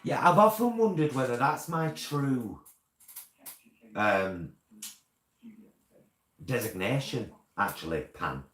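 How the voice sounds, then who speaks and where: A man's voice: mid-range voice, animated, slow, pauses often, fairly bright tone. A British man chatting casually as host of a live stream, in the campy, theatrical, endearing manner of a drag queen. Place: indoor room, live make-up stream. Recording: roomy echo, clear background noise.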